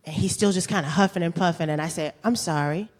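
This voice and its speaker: A woman telling a true story on stage, animated and laughing, with comic asides. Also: on the low side, fast talker. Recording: live stage with long hall reverb.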